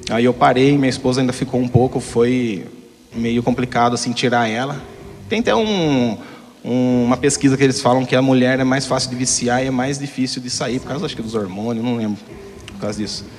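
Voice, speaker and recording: A man's voice: mid-range voice, brisk, a little mellow. A young man telling his own testimony frankly, rambling, with frequent tag questions. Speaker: guest giving a testimony. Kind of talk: candid personal testimony. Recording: hall reverb.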